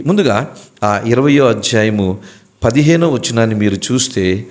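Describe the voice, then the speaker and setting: A male pastor preaching an Easter sermon in a slow, emphatic way. His pitch swings widely, climbing high on repeated phrases and dropping low again. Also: darkish tone.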